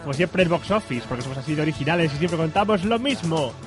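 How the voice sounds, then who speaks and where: A man hosting a radio film show in a studio, chatting casually and joking in quick, rambling banter. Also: a little high, animated, over music. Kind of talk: casual chat.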